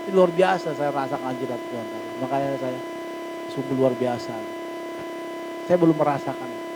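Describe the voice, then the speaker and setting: A pastor preaching to his church in a high, bright voice, chatting and joking between points and acting out little everyday scenes. A steady electrical hum runs beneath the recording. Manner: lively conversational preaching, jokes and acted asides. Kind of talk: sermon. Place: church hall.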